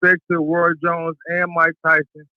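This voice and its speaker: A man's voice: fairly high pitch, monotone, normal speed, dry recording. A man calling in, chatting casually in a slangy, brotherly and affirming way. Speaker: caller. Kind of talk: casual chat. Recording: dull lo-fi call audio.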